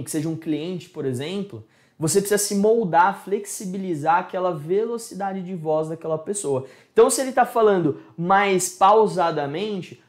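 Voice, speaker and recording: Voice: medium pitch, a little mellow. Chatty Brazilian communication instructor. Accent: Brazilian Portuguese. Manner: chatty, addresses viewers directly, checks in with "percebe?". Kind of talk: casual video lesson.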